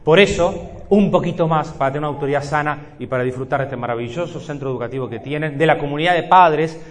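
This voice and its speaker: Man in his fifties, lively speaker. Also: a little high, fast. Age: 50s. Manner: lively storytelling, acting out dialogues. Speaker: psychologist. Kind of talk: talk to an audience of parents.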